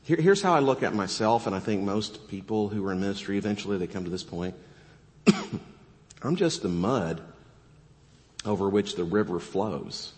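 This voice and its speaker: A middle-aged male pastor preaching a sermon with a hoarse, coughing voice, mixing joking asides with earnest exhortation. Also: on the low side, expressive, normal speed, long pauses, darkish tone, in a large hall. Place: church sanctuary.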